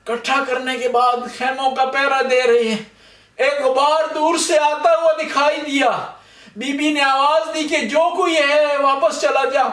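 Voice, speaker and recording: A man's voice: extremely high pitch, a bit bright. A man giving a mourning majlis sermon and prayers, impassioned and rising to cries at the climaxes. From Pakistan. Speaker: majlis speaker. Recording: echoey hall, mic far off.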